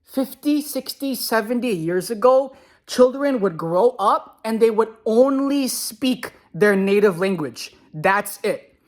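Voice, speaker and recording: A woman's voice: on the high side, animated, slow pace, a little mellow. Emphatic, preachy woman, bilingual in Khmer and English. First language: Khmer alongside English. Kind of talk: impassioned monologue to viewers.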